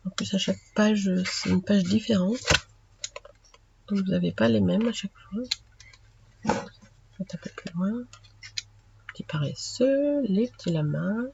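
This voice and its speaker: A woman with a gravelly voice shows her craft finds, unhurried and chatty. Plenty of hesitations throughout. The recording is dull and lo-fi, with clear background noise. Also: medium pitch. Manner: unhurried, chatty, many fillers. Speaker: craft channel host. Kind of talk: casual haul video.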